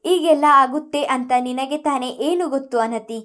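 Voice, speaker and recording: A woman storyteller voicing a mother who gently consoles her distressed daughter. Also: sits high, normal speed. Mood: consoling.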